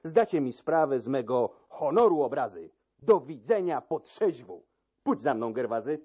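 A man's voice: mid-range voice, big pitch swings, moderate pace, warm tone, breathy edge, dull audio, voice pushed up. A man playing a haughty young count. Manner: haughty and curt. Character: haughty young male count, proud and curt. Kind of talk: dramatic verse reading.

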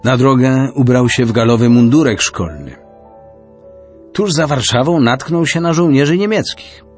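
A man narrating a storybook in an expressive reading style. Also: mid-range voice, normal speed, faint music behind.

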